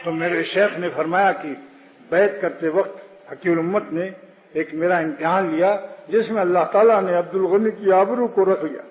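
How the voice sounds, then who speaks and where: A man's voice: high-pitched, steady tone, a little hiss or hum. A man giving a religious sermon, explaining his points and telling anecdotes. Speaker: preacher. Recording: phone-like with long hall reverb.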